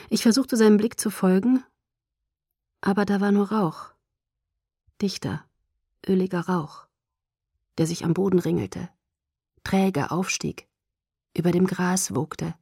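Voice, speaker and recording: A woman reading a first-person audiobook in a measured, low-key storytelling manner. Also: warm tone, husky, no room sound, studio quality. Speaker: audiobook narrator.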